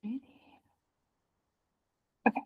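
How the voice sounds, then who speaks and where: A woman in a casual research chat, excitedly reading history passages aloud in quick bursts. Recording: dull lo-fi sound.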